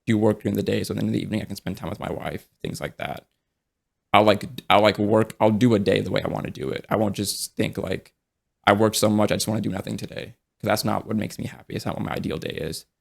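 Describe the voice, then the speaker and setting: In a casual podcast conversation, a young man talks in a relaxed, rambling way, full of fillers and restarts. His voice is on the low side and creaky, and he speaks at a quick pace.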